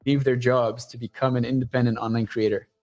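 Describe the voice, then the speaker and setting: A man talking as a guest on a casual livestream show, pitching his startup in a blunt, profane, energetic way. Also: brisk.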